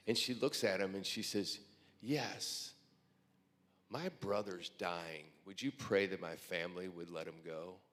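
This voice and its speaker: A man who is a pastor, telling earnest, emotional stories to a room at a breakfast event. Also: deep voice. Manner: earnest storyteller, quiet and emotional at times. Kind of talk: heartfelt speech at a breakfast event. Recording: long hall reverb.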